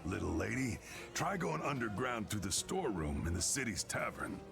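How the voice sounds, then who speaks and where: A low, gravelly guild man in a video game. He is gruff and folksy, with a lively swing in pitch. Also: normal speed. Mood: advising. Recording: game audio with music.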